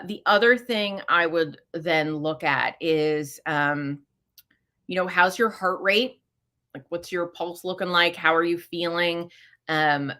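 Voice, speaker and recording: Answering listener questions on a live Q&A, this middle-aged host talks casually, filling her speech with fillers and correcting herself often. Her voice sits low and has a sharp tone.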